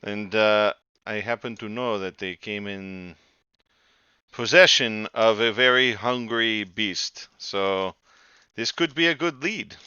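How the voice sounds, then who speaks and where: Male GM, hesitant, filler-heavy. Bright, very clear voice, dry dull recording. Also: fairly low pitch, no echo. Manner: halting, many fillers. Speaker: game master. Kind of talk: running a tabletop game.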